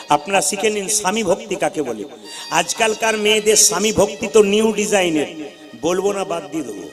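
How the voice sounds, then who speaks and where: A man giving an animated devotional sermon at an outdoor gathering. He speaks straight to his listeners, demands replies and breaks into sung chants. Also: high voice. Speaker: devotional preacher. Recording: clear music playing under the voice.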